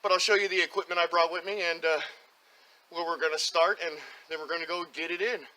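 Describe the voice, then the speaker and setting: A man talks to his camera on a tripod at a woodland creek, chatty and rambling, a little out of breath from the hike. His voice sits slightly high. The rushing water of the stream is loud in the recording. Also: fairly even intonation, rough recording. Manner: chatty, rambling, with frequent "uh" and "until then". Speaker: vlog host. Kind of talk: casual outdoor vlog narration. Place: outdoors by a creek in the woods. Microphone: camera on a tripod, moving closer and farther. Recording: outdoor camera audio with loud stream noise. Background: running stream.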